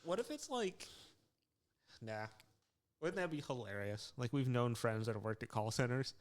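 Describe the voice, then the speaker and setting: A man's voice: mid-range voice, lively intonation. Laughing male podcast co-host. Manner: reactive, quick to laugh, teasing. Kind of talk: casual chat.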